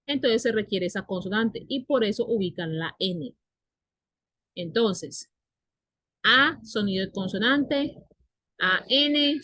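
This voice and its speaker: A woman teacher whose first language is Spanish walks through English grammar at a slow, unhurried pace, repeating and sounding out words with patience. Her voice sits at a middle pitch, and it is recorded close and dry with almost no room sound. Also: fairly bright tone, dry recording. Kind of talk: online class explanation.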